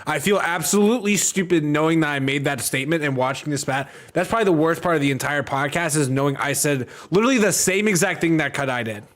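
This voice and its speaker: A man's voice: on the high side, fast, hardly any pauses, fairly bright tone. A man hosting a podcast in a casual, hesitant, self-critical way. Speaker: podcast host. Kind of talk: casual chat.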